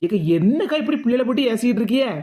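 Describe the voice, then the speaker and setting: A woman voicing a calm, younger neighbor woman in an animated cartoon, advising and soothing in a southern Tamil accent from the Tirunelveli-Kanyakumari area. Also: a little high, very fast, very noisy, close to an everyday voice. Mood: persuasive. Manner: soothing, persuasive.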